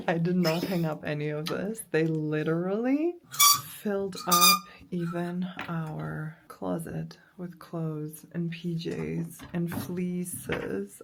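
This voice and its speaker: A woman chatting casually in a beauty vlog, gushing and excitable, often dropping to a whisper and a bit out of breath, recorded in a hotel room. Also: fairly low pitch, vocal fry, noisy background. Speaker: beauty vlogger.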